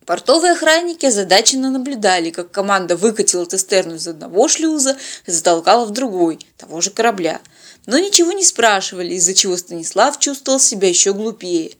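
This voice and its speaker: A woman's voice: mid-range voice, very animated, fast. A woman narrating a science-fiction audiobook with a dry, wry delivery.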